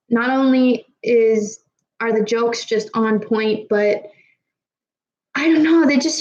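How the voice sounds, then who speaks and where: A woman's voice: on the high side, darkish tone, muffled recording. A young woman from Kazakhstan, slightly tipsy, chatting casually with a live audience, rambling and swearing freely, with trouble pronouncing her R's. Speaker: streamer answering chat.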